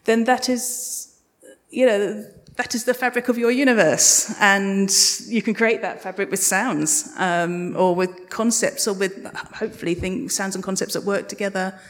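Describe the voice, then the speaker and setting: Speaking at a measured pace with a medium pitch and fairly even intonation, this woman is a guest sound designer fielding audience questions on a live panel. Her tone is conversational. The setting is a podcast festival stage inside a hall, recorded with the reverb of a live event.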